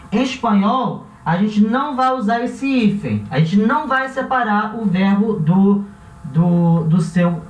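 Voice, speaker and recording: A Brazilian man with a relaxed, chatty teaching manner who often corrects himself and checks in with his listeners. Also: sits high. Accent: Brazilian Portuguese. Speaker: language teacher. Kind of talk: casual classroom explanation. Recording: echoey room, voice a bit far from the mic.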